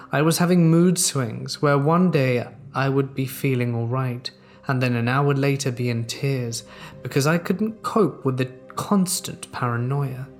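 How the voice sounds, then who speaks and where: A man narrating a submitted true horror story in a steady, measured way. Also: medium pitch.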